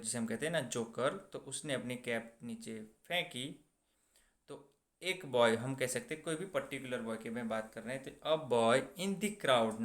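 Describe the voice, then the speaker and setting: A male teacher with an Indian English accent works through a grammar exercise, moving between English and Hindi. He reads each sentence slowly and carefully, then goes back over the rule in a quicker, repetitive way. His voice sits at an ordinary middle pitch. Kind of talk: classroom grammar lesson.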